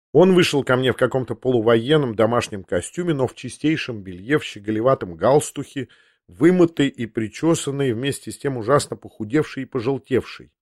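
A man reads a classic novel aloud in a measured, literary first-person narration. The sound is dry and close on the mic, with no room around him, and his voice sits at an ordinary middle pitch for a man. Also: darkish tone, no echo. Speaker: audiobook narrator.

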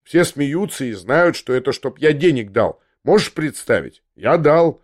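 A man's voice: medium pitch, expressive, unhurried. A man voicing an irritable, domineering young man who snaps and rants. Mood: ranting. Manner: irritable, snapping.

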